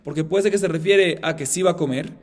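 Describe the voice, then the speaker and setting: Fast-talking rabbi teaching Talmud. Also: male voice. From Colombia. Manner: fast, animated explaining, acting out the case dialogue, reading Aramaic in a low murmur. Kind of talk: Talmud class.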